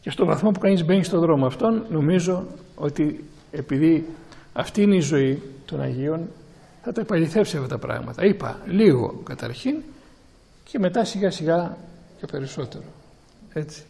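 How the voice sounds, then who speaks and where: A male priest preaching in a high-pitched voice with a gravelly, creaky edge. He talks in a slow, halting way, restarting and repeating words as he goes, and answers questions from his listeners. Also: expressive, mellow. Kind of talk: sermon with a question time.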